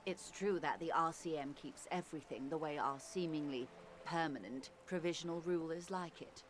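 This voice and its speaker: A woman voicing a poised, worldly negotiator who speaks smoothly and articulately with gentle irony. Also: sits low, normal speed, a little hiss or hum, lightly acted. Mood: explanatory.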